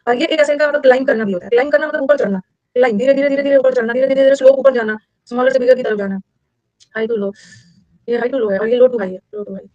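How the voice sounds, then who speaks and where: A woman's voice: high voice, steady tone, darkish tone, no echo, highs cut off. An Indian woman teaching English vocabulary in a chatty live online class, mixing Hindi and English as she explains words. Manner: fast, chatty, switches between Hindi and English. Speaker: English teacher for competitive exams.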